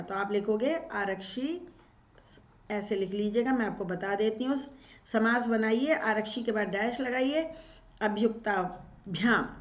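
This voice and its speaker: A woman's voice: mid-range voice, roomy sound, dull audio. A woman teacher going through an exam paper, asking questions and answering them herself, step by step. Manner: explains step by step, asks and answers her own questions. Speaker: Sanskrit teacher. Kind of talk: exam-paper walkthrough lesson.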